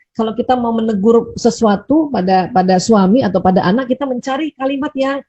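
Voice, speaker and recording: A woman answers audience questions in a gentle, conversational advice talk, repeating words and adding small tag words. Her voice is fairly high, mellow and husky. The recording sounds slightly dull and lo-fi.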